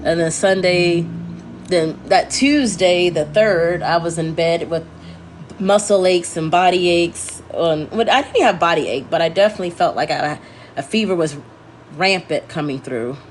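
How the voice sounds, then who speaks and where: Her voice sits on the low side and moves at an ordinary speed, with a congested, scratchy quality. As a casual livestream host, she meanders through her talk, self-corrects often, and speaks directly to viewers.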